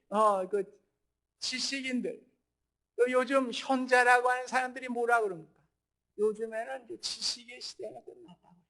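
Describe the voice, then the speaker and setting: Man pastor, sermon, very high voice, bright and forceful, rhetorical questions. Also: gravelly, low-quality recording. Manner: preaching with rhetorical questions, rising to emphatic peaks. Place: church sanctuary.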